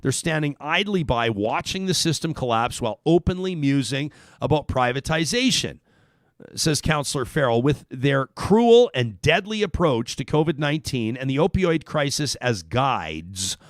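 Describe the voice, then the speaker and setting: A man's voice: medium pitch, normal speed, no room sound, studio quality. A man with a Canadian accent hosting a talk radio show, delivering an opinionated, sarcastic monologue. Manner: animated, sarcastic, swears casually. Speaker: radio host.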